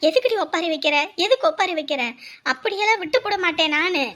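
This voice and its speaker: A woman's voice: very high-pitched, expressive, fast, bright, forceful tone, heavily acted. An actress playing a fierce, protective village grandmother who scolds and exclaims in rural colloquial speech. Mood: resolute. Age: older. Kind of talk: TV serial acting.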